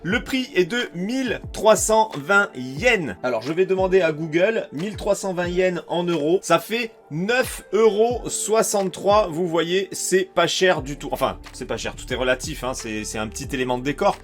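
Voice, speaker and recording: A French YouTuber who reviews collectibles gives a casual screen-share walkthrough of a shopping website, chatty and enthusiastic with plenty of fillers. His voice is high with lively intonation, at normal speed with hardly any pauses, over faint background music.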